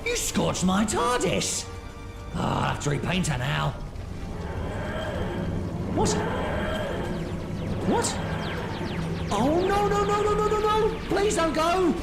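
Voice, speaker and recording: A man playing an eccentric, excitable adventurer in an audio drama, theatrical and exclamatory. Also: very high-pitched, slow pace, vocal fry, long pauses, heavily acted. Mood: distraught. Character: eccentric excitable male time-travelling adventurer, commanding and theatrical. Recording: echoey hall, music behind.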